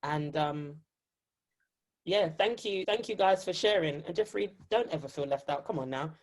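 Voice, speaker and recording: Upbeat woman podcast host, low voice. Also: moderate pace. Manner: upbeat, presenter-like radio voice. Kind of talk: podcast conversation.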